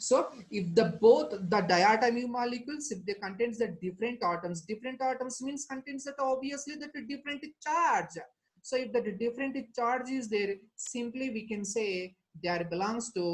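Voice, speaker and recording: Fast-talking Telugu Indian woman teacher. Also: a little high, rough recording. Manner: instructive, repetitive, frequent question tags. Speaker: chemistry teacher. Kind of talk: interactive lesson with repeated check questions.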